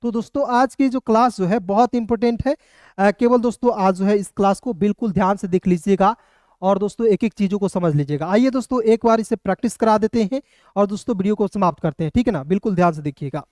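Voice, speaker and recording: This teacher talks fast in a mid-range, darkish voice, recorded in clean studio sound without room echo. The lesson is online English phonics in Hindi: words spelled letter by letter, viewers quizzed patiently and repetitively, and addressed as friends.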